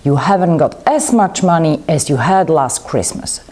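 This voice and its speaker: A woman's voice: deep voice, animated, moderate pace, a little mellow. A woman voicing a grumpy, miserly old man in a storybook reading, snapping out scornful retorts. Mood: angry.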